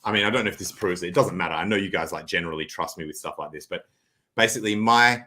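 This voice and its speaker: A man's voice: lowish voice, pushed and bright. A man appearing as a guest on a livestream, talking loosely with swearing, laughter and frequent restarts over a video call. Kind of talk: casual livestream chat.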